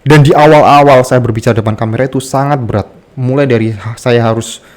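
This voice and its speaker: Male content creator, medium pitch, slight lisp on r, candid and self-deprecating personal storytelling. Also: fast. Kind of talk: personal story told to camera.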